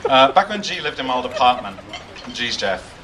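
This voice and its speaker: A man's voice: medium pitch, big pitch swings, moderate pace. A man giving a jokey wedding toast speech as best man, with dry, self-deprecating humor. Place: wedding reception with guests. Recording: distant mic in noisy crowded room. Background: crowd noise and guests.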